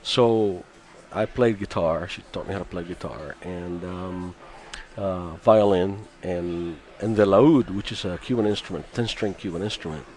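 A man's voice: sits low, unhurried, a little mellow. A Cuban-born man in his fifties, a musician, chatting in a radio interview with frequent laughs and restarts. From Cuba. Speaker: musician guest.

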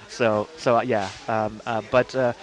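A man's voice: medium pitch, little pitch movement, takes it slowly. A man co-hosting a radio show, chatting loosely about local events with lots of fillers and jokes. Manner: rambling, joking, many fillers and restarts. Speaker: radio co-host.

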